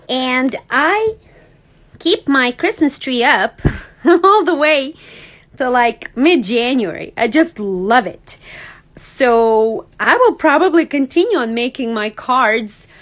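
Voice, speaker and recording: A high-pitched woman hosts a relaxed card-making livestream from her desk. She talks slowly and chats as she works, thinking aloud and laughing easily. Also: low-quality recording. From Serbia. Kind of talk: casual craft demo livestream. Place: craft desk indoors. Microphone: overhead camera on desk.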